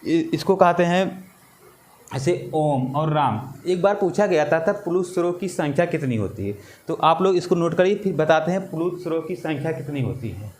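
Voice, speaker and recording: Hindi teacher drawing out vowel sounds. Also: male voice, on the high side, animated, fairly quick, a little hiss or hum. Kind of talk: exam-prep lesson.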